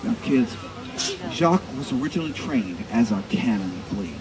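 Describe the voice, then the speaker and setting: A man's voice: medium pitch, lively intonation, low-quality recording. Grandiose, swooping flea circus showman. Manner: mock-formal, addressing onlookers as ladies and gentlemen; dramatic drawn-out emphasis on key words. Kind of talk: theatrical carnival barker patter to a live audience. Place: live public show at a community event. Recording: live event with crowd noise behind. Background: audience crowd.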